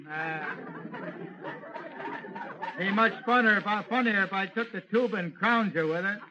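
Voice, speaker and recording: A man's voice: high voice, measured pace, pushed and bright, a faint crowd. A man doing 1930s radio comedy as a columnist, blustering and grumbling asides. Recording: old lo-fi radio recording with hiss.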